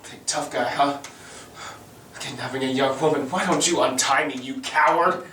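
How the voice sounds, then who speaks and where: A man's voice: mid-range voice, moderate pace, sharp tone, close to an everyday voice. An actor playing a brave, defiant young man tied up by a kidnapper, earnest in tone, on a live community stage. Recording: distant echoey hall recording, noisy.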